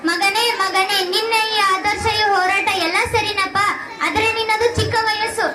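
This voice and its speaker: A woman's voice: very high voice, steady tone, normal speed, over music. A young female performer in a school play, voicing a grieving mother who pleads tearfully with her imprisoned son. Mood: sorrowful pleading. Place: school stage in a hall. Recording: echoey hall with a crowd behind.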